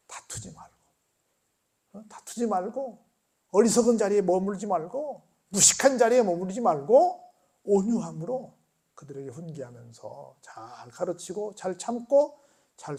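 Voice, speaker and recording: A man preaching a Friday prayer-service sermon as pastor, often asking the congregation questions and acting out quoted voices, from loud outbursts down to hushed tones. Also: high-pitched.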